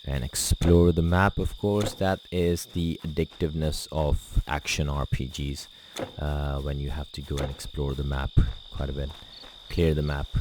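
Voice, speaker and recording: A Urdu-speaking man from Pakistan who lives in England hosts a gaming channel, giving casual let's-play commentary in a bass voice with a level tone, unhurried and with hardly any pauses. He rambles, pokes fun at himself, and uses many fillers. His poor home mic picks up a noisy background and loud game music.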